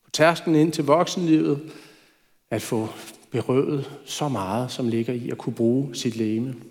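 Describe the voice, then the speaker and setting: A man's voice: mid-range voice, a little mellow. A man preaching a sermon in a church, talking in a conversational way with light asides. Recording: reverberant church hall.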